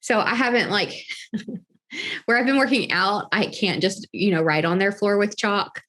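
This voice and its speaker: A woman's voice: mid-range voice, unhurried, fairly bright tone. Chatty woman podcast co-host. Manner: chatty, laughs often, thinks aloud with many fillers. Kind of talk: casual chat.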